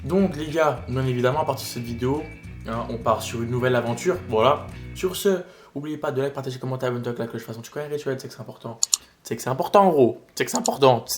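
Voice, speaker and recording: A young man chatting casually on his vlog, slangy and animated, laughing often. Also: medium pitch, rapid-fire, soft background music. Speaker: vlogger.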